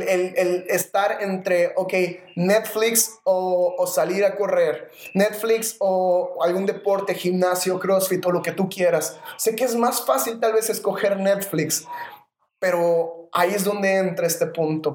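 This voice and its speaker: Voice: mid-range voice, steady tone, a little slow, darkish tone, echoey room. A podcast host giving an earnest motivational talk that urges listeners to act, repeating its key phrases. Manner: earnest, repetitive exhortation.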